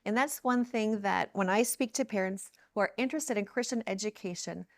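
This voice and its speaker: Woman podcast host, affirming, mid pitch. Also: a little fast. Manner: affirming, reads book passages aloud. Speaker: podcast host, head of school. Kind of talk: interview podcast.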